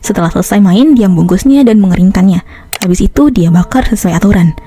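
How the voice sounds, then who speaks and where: A young woman narrating a horror story in a casual style, with dramatic pauses and chatty slang asides to her viewers. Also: medium pitch, lively intonation, warm tone. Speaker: YouTube storyteller.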